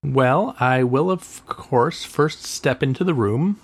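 A man playing a tabletop game, bantering casually with deadpan humor. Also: mid-range voice, slow pace.

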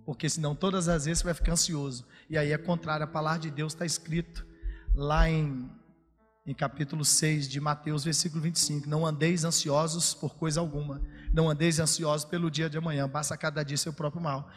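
Brief: male preacher, high bright voice, fervent then confiding, church hall with reverb and music under. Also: little pitch movement, fairly quick. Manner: swings from shouted fervor to low confiding talk. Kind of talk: sermon.

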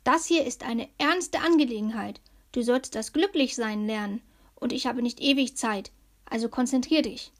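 A woman's voice: fairly high pitch, normal speed, close to an everyday voice. A woman voicing a plump, cheeky female luck fairy in a storybook reading, with a sing-song, teasing manner.

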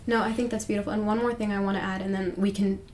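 A woman's voice: mid-range voice, level tone, very fast, darkish tone, slight background noise. Heartfelt, encouraging woman podcast co-host. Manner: heartfelt, encouraging, repeats phrases for emphasis. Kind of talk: casual faith discussion podcast.

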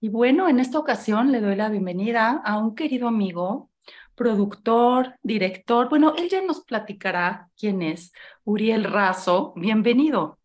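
A woman's voice: a little high, animated, a little slow. A woman with a Mexican accent presenting a show and interviewing in a conversational style. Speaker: program host, interviewer.

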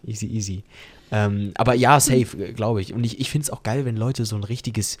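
A young man co-hosting a casual podcast chat, relaxed, with casual slang and many fillers. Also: lowish voice, normal speed. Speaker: podcast co-host.

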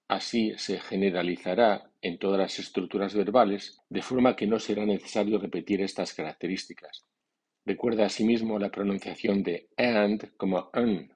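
A man teaching English pronunciation, slowly drilling example sentences one by one and explaining the rules in a measured way. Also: fairly low pitch, a little mellow, breathy edge. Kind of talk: slow, deliberate language drill.

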